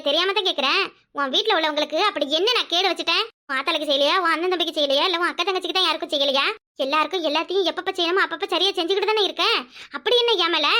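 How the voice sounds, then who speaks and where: Woman doing a shrill quarrelsome village wife, Kanyakumari Tamil accent, rapid-fire, bright cartoon voice. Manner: scolding, rapid complaining. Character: quarrelsome village wife, sharp-tongued, loud. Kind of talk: cartoon voice acting.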